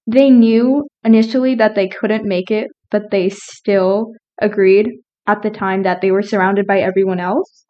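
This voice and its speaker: A woman's voice: medium pitch, steady tone, measured pace, muffled recording. A young woman co-hosting a podcast, playful and teasing, who laughs often and talks through a retainer. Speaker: podcast co-host. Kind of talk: casual podcast chat.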